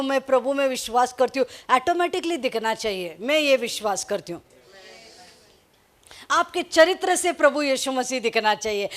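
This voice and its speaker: A woman's voice: high voice, fairly bright tone. A woman pastor, preaching a sermon and telling her own testimony in a storytelling way. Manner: storytelling, switching into Marathi for quoted speech.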